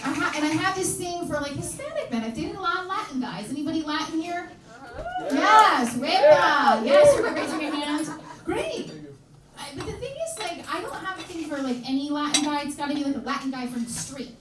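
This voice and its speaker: Brash high-voiced woman comic on stage. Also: lively intonation, normal speed, background noise. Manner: brash, chatty, teasing the audience. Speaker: stand-up comedian. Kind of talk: stand-up comedy. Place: live comedy club. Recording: echoey club, heard from far off. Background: audience laughter.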